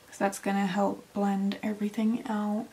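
A woman's voice: medium pitch, completely flat delivery, normal speed, mellow, slight background noise. A young woman narrating a makeup tutorial in a casual, step-by-step way, sometimes dropping to a near whisper. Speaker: makeup vlogger.

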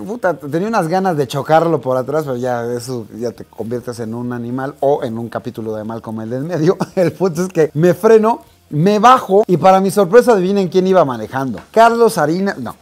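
A young man with a Mexican accent telling a personal story as a vlogger, animated and profane, acting out the dialogue. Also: fairly high pitch, a little fast. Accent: Mexican Spanish. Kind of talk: storytelling anecdote.

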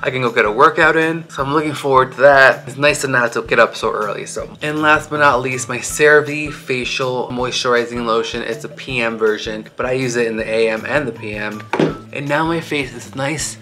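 A young man vlogging from his hotel room into his phone. His voice is bright and forward, and his middle pitch stays easy. He is chatty and upbeat, with frequent light laughs. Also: fairly even intonation, a little fast. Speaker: flight attendant vlogger. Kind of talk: casual vlog talk to camera. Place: hotel rooms and hotel gym.

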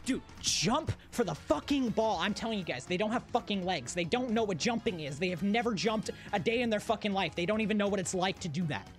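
Young woman, raging gamer, medium pitch, exasperated ranting, constant cursing, live game commentary, faint game music behind. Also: lively intonation, quick pace, few pauses. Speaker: gaming streamer. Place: indoor room at home. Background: faint video game music.

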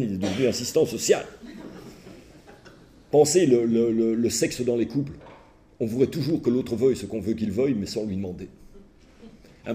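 Middle-aged man, mellow voice, telling jokes. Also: mid-range voice. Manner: lively storytelling, mimics characters' voices. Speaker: therapist giving a talk. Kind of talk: humorous lecture with acted anecdotes.

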